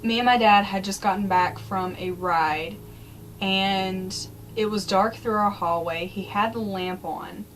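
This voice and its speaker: A woman's voice: mid-range voice, fairly even intonation, unhurried, rough recording. A woman talking casually to viewers as a vlogger, telling spooky personal stories in a chatty, conversational way. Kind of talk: casual storytelling about eerie happenings. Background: music.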